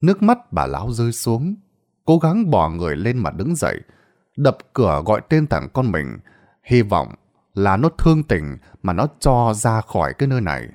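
A man's voice: lowish voice, huge pitch swings, normal speed, darkish tone. A man narrating a Vietnamese ghost story in a dramatic storytelling style.

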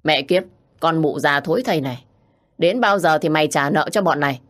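A woman's voice: low voice, animated, fairly quick. A woman doing a menacing male thug. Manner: threatening, snarling. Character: brutal tattooed male debt-collector thug.

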